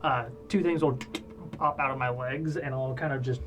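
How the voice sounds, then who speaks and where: A man's voice: mid-range voice, steady tone, normal speed, music in the background. A man chatting casually as a player in a tabletop game. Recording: noisy room.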